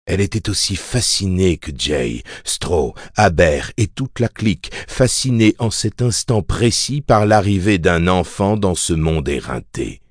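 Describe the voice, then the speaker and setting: A man narrating an audiobook in a measured, steady reading voice. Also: lowish voice, no echo, clean studio sound. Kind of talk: scripted narration.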